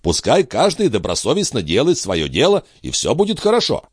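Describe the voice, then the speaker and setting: A man's voice: medium pitch, huge pitch swings, brisk, slightly rough, no echo, clean studio sound. A man reading aloud, voicing a good-natured village locksmith who answers simply and matter-of-factly. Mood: plain.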